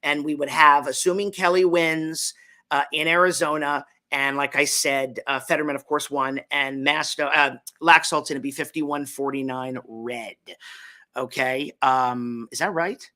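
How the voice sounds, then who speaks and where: Hungover man with a bright, forceful voice. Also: fairly high pitch, fairly even intonation, normal speed. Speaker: host of a political talk show. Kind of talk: political commentary to an audience.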